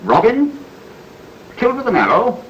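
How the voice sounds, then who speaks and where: An actor playing a suave, ironic British gentleman detective with a languid, teasing drawl in 1930s film style. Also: very high voice, wildly swooping pitch, normal speed, heavily acted. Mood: amused irony. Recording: muffled, hissy 1930 film soundtrack.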